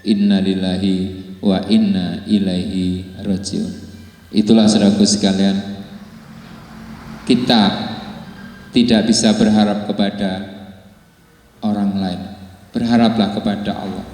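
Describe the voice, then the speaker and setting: A man preaching a sermon and telling a moral story, rising to high, emotional pleading tones. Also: little pitch movement, measured pace, pauses often, darkish tone, slight background noise. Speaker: Islamic preacher. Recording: echoey hall with long reverb.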